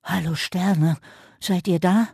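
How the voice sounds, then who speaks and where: A man's voice: high voice, fairly even intonation, slow, creaky, darkish tone, breathy edge, dry recording, pitched above the performer's own voice, full character voice. A shy young creature who speaks hesitantly and stumbles over his words, as a male reader puts him on. The voice is lifted a little above a plain speaking voice. It is a children's storybook reading with a dry, close sound. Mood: timid. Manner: hesitant and stammering.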